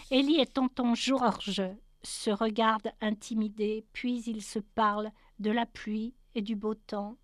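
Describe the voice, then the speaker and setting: A woman reading a picture book aloud, calmly and carefully, pausing to describe the illustrations. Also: on the high side, no echo, studio quality.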